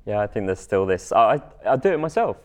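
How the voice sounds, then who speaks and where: A man's voice: fairly low pitch, very animated, fast. A man speaking candidly about personal experiences as a guest on a discussion panel.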